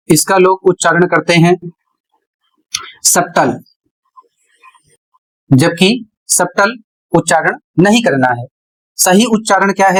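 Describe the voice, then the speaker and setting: A man teaching English pronunciation rules at a board, explaining slowly and repeating key points. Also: sits high, rough recording. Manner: slow, deliberate explaining with repetition. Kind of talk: classroom lesson at a whiteboard.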